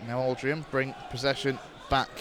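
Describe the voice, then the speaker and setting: A man calling live football play-by-play for an internet club radio stream, brisk and steady, rising sharply when a chance comes. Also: medium pitch, crowd noise. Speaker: football commentator.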